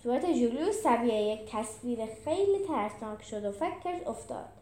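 Animated woman reading a children's story. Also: on the high side. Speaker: podcast storyteller. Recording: echoey room.

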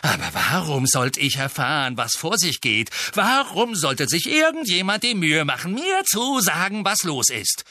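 A man voicing an angry, resentful teenage boy wizard in a storybook reading, shouting and sarcastic. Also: on the high side, very animated, moderate pace, no echo, pitched above the performer's own voice. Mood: furious. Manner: furious, sarcastic outbursts.

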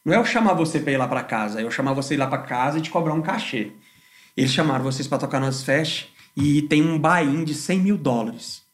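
Male musician guest, high-pitched, lively and slangy as he tells stories. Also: fairly quick. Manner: animated, slangy, swears freely. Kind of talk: casual podcast storytelling.

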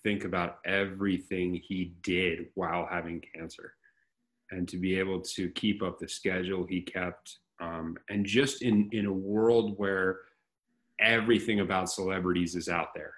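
Low-voiced male podcast host. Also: steady tone, normal speed. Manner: self-deprecating, laughs at own slips. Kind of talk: casual podcast chat.

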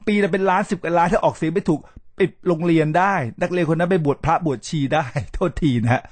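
A middle-aged man hosting a podcast about English, talking to listeners in a casual lecture style, animated and sliding in English words as he demonstrates how they are said. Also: on the high side, fast, no echo. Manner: animated, mixes English words into his talk, demonstrates pronunciation. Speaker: podcast host teaching English.

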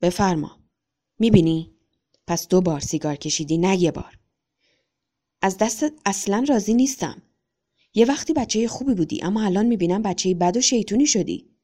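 Stern lawyer father, measured scolding, storybook reading by a woman, dark voice. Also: mid-range voice, expressive, lightly acted. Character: stern lawyer father, lecturing his son.

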